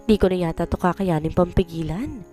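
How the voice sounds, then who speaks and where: A woman narrating an emotional first-person story, reading in an expressive way. Faint music plays behind her. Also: lowish voice, fairly quick.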